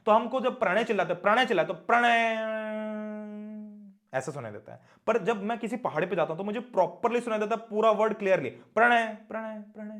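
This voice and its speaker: A young man teaching an online class, chatty and often asking his students questions. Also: high voice.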